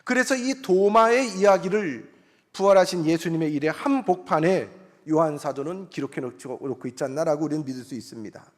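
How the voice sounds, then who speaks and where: High-voiced pastor preaching in echoing church. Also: male voice, animated, brisk. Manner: earnest, conversational preaching with voiced inner thoughts. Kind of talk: sermon. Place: church sanctuary. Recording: long church hall reverb.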